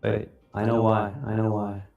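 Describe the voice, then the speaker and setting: A man's voice: fairly low pitch, completely flat delivery, moderate pace, creaky, darkish tone, highs cut off. A man joining a live stream remotely, talking casually and sounding puzzled, while his audio echoes and repeats his phrases. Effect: echoing feedback with repeated phrases on his audio feed. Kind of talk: casual chat. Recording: echoey remote feed from far off, music behind.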